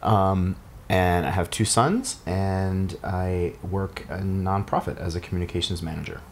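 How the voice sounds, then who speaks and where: A man in his late thirties talking in a relaxed, conversational way beside his partner in a documentary interview. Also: sits low, a little slow, a little hiss or hum. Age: 30s.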